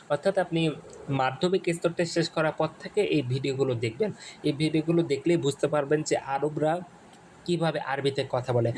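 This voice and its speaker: Halting male tutorial instructor, faint hiss. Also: fairly high pitch, darkish tone, low-quality recording. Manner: repetitive, halting, many restarts and fillers. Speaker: Arabic course instructor. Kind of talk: screen-share tutorial walkthrough.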